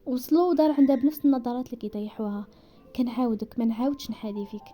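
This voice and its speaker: A woman's voice: on the high side, soft background music. A woman with a Moroccan Darija accent narrating a romance story at speed, voicing the characters' dialogue as she goes. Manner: rapid, animated reading that slips into characters' voices.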